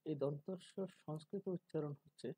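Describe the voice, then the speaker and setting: Male teacher, measured delivery, mellow and slightly husky, dry recording. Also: on the high side, steady tone, no echo, low-quality recording. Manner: slow, deliberate, drawing out syllables when demonstrating. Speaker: teacher of Sanskrit pronunciation. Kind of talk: calm spoken lesson.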